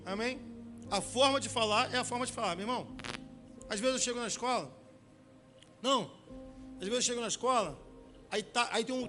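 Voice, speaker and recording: High-voiced Brazilian pastor preaching. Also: male voice. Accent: Brazilian Portuguese. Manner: preaching with frequent restarts and rhetorical questions; slows down and swells in volume on key phrases. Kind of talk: sermon.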